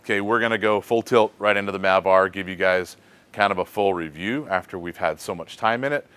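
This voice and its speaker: A deep-voiced American man leads a laid-back shop chat. His voice is smooth and clear. He muses aloud and leans on easy fillers as he answers questions. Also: a little fast, no echo. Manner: relaxed, thinking aloud with fillers. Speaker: host of a shop question segment. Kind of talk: casual shop talk.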